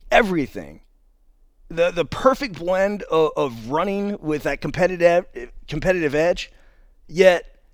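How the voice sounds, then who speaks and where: A man's voice: a little high, no echo, clean studio sound. Jokey man recapping a race. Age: adult father of three. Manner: conversational and jokey, with playful euphemisms; often opens sentences with "now". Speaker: ultramarathon runner telling a race story. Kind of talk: casual first-person race recap.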